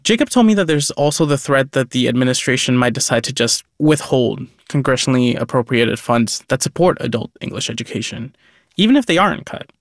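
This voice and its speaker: A man's voice: medium pitch, a little fast, no echo. Man reporting in a dry close voice. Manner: explanatory, steady. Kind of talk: conversational news reporting.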